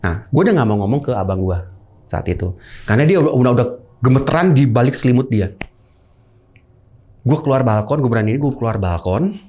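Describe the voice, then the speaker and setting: A man's voice: medium pitch, brisk. A middle-aged man telling a personal ghost story in a casual chat, acting out the sounds with his voice. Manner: animated, mimics sounds with his voice.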